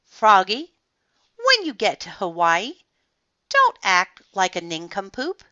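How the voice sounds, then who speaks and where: A woman's voice: medium pitch, huge pitch swings, slow, sharp tone, no room sound, heavily acted. A woman voicing a stern frog father in a storybook, speaking in a firm, scolding tone. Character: stern frog father, warning his son. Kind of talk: storybook character voice. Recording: slightly muffled dry recording.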